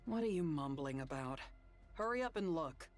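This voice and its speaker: Low-voiced curt woman fighter, cold, tired, game dub. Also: normal speed, soft background music. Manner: curt, dismissive, flat. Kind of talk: video game voice acting.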